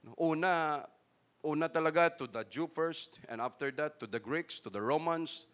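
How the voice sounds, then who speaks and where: A Filipino pastor preaches with a bright, ringing tone and a fairly high voice for a man. He keeps checking in with his listeners with a quick "no?" and acts out the people in the story as he goes. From Philippines. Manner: Taglish preaching, frequent "no?" tags, acts out voices. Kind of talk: sermon.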